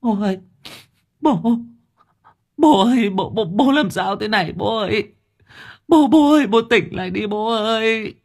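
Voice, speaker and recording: A man doing a high wailing mourner. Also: lively intonation, measured pace, creaky, long pauses, exaggerated voice. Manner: wailing, crying out.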